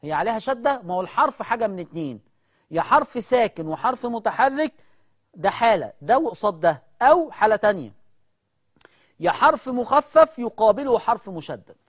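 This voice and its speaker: A speaker with an Egyptian accent teaching Quran recitation in a televised lesson, firing rhetorical questions at viewers and answering them, and slowing down to stress single words. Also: mid-range voice, big pitch swings. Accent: Egyptian Arabic.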